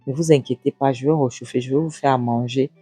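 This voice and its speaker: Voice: mid-range voice, steady tone, fast talker, mellow, slightly rough, no room sound, soft background music, natural voice. A narrator doing a sick, pleading young wife. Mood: apologetic. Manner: pleading, apologetic.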